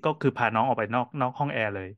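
A man co-hosting a casual podcast, telling cafe stories in a quick, animated way with lots of fillers. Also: mid-range voice, no room sound, lo-fi sound. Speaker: podcast co-host and cafe owner.

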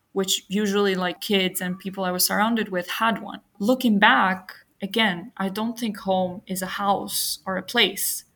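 A woman's voice: medium pitch, a bit bright. A young woman from Albania, a podcast guest, answering questions in an earnest, open and personal way. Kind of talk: reflective interview answers.

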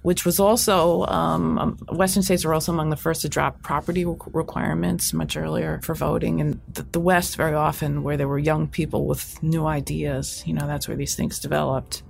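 A woman's voice: deep voice, flat delivery, normal speed, gravelly, hardly any pauses, a little mellow. A woman guest explaining history in a thoughtful conversational way, with restarts and fillers.

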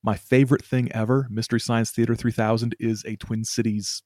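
A man co-hosting a podcast, chatting casually and explaining things in a halting, wryly humorous way. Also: medium pitch, flat delivery, a little mellow, no echo, clean studio sound. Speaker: podcast co-host. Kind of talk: casual chat with explanatory narration.

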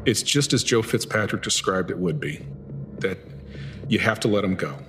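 A deep-voiced man recounts a tough interrogation, blunt and animated, and acts out the exchanges as he goes. His voice rings with a long reverb, and music plays clearly behind him. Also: moderate pace. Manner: blunt, animated retelling with quoted dialogue. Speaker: FBI agent. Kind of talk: interview recollection.

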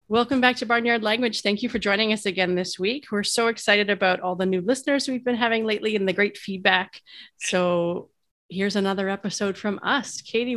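A woman co-hosting a farm podcast with a casual, dry, sarcastic humor. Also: mid-range voice. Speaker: podcast co-host, dairy farmer. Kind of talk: casual chat.

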